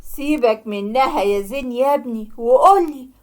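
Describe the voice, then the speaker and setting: A woman voicing a scheming middle-aged uncle in a cartoon story, smooth-talking, with an Egyptian accent. The voice stays high. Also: normal speed, a little mellow, natural voice. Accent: Egyptian Arabic.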